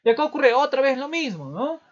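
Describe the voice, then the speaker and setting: A man's voice: very high-pitched, very animated, brisk. A male teacher giving a physiology review, explaining with playful storytelling and frequent tag questions. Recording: dull lo-fi recording.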